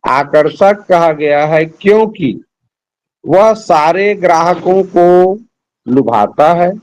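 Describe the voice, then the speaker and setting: Male teacher, middle-aged, slightly high voice, slow deliberate pace, patient explanations. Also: darkish tone, low-quality recording. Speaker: Hindi teacher. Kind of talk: classroom lesson over a call.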